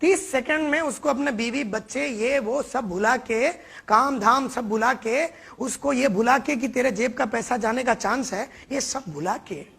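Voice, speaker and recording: A man's voice: very high voice, vocal fry, fairly bright tone, breathy edge. A man giving an emphatic sales training talk, coaching his listeners. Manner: emphatic, mixes Hindi and English, coaching.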